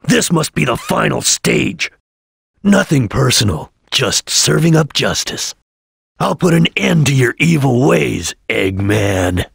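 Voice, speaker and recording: A man voicing a serious, disciplined ninja chameleon in a video game, with a husky, gravelly voice and a terse, stern, deliberate manner. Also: medium pitch, wildly swooping pitch, no room sound, clean studio sound, full character voice. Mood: stern, confident. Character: serious, disciplined male ninja chameleon detective, cool and tactical. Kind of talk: video game character voice lines.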